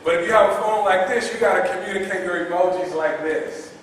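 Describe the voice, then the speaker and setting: High-voiced pastor preaching in an echoey hall. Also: male voice, quick pace, recorded from a distance, a little hiss or hum. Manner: lively, playful, repeats words for emphasis; quizzes the congregation conversationally. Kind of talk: sermon. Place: church hall.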